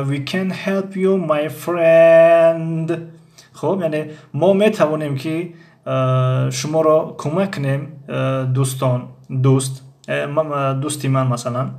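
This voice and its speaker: A man explaining English grammar as a teacher, reading example sentences slowly and repeating them. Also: mid-range voice, vocal fry, a little mellow.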